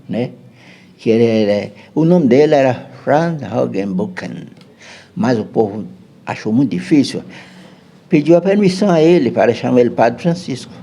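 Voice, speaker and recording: A Brazilian man telling a personal story in an unhurried way as a podcast guest. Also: mid-range voice, expressive, warm tone. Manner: unhurried, tags lines with "né". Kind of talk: casual storytelling chat.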